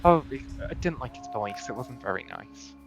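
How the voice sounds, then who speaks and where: A man voicing a skittish, animalistic young male adventurer in a tabletop game, talking in a quiet, sheepish mumble. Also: mid-range voice, big pitch swings, moderate pace, vocal fry, faint music behind.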